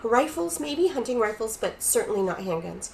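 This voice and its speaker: A woman's voice: a little high, sing-song, moderate pace, vocal fry, a little mellow, a little hiss or hum, poor audio. A middle-aged woman from Canada, a podcast guest telling a personal story vividly and acting out quoted dialogue.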